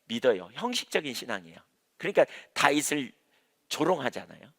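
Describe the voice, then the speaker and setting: A man's voice: mid-range voice, very animated, brisk, gravelly, sharp tone. A man preaching an evening sermon in church as its pastor, emphatic, repeating key phrases and asking rhetorical questions. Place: church, evening prayer service. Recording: reverberant church hall.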